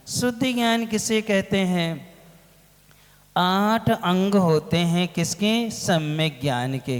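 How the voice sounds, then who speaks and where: A man giving a religious lecture as a monk, asking his listeners questions and answering them himself, drawing out key words slowly. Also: high voice. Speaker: Jain monk teaching a scripture class. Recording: long hall reverb.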